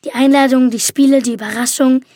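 A woman's voice: high-pitched, fairly even intonation, warm tone, no echo, clean studio sound, close to an everyday voice. A woman reader voicing a nervous teenage boy who hesitates as he stalls for time in an audiobook. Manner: hesitant, halting.

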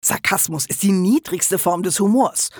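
A man's voice: a little high, animated, normal speed, slightly rough, no room sound, clean studio sound. A man voicing an ancient, smug male wizard hologram who talks down to people in a lecturing way, in an audiobook. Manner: condescending, lecturing.

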